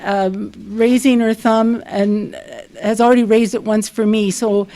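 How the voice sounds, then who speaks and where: A soft-spoken woman giving a formal, measured introduction as panel moderator. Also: fairly high pitch, flat delivery.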